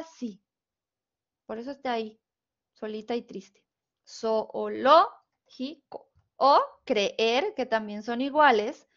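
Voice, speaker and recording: A woman with a northern Mexican Spanish accent teaching a spelling lesson, patiently explaining rules step by step and checking in with her students. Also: high voice. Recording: dull, lo-fi recording.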